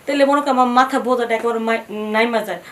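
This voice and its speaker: A woman's voice: a little high, fairly even intonation, racing, close to an everyday voice. A woman playing an anxious indebted village wife. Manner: pleading, polite, addresses him as brother. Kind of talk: TV drama acting. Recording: distant mic with faint noise.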